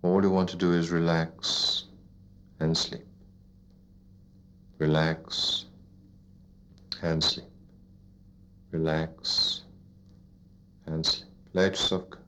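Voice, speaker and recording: A man guiding a listener into sleep as a hypnotist, in a soothing, repetitive, deliberate narration with pauses, like a sleep story narrator. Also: low-pitched, a little hiss or hum. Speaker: hypnotist leading a relaxation induction. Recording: dull lo-fi recording.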